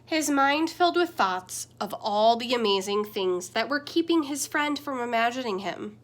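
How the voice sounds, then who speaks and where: This young woman reads a picture book to children in a teacher's gentle, expressive manner, at a moderate pace. Her voice rises and falls dramatically in both pitch and loudness.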